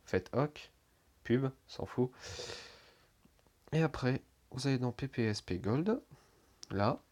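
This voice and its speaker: A man's voice: mid-range voice, lively intonation, slow pace, darkish tone. A young man giving a casual, rambling phone tutorial, with lots of fillers and offhand swearing. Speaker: tutorial maker. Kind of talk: casual screen-recording tutorial.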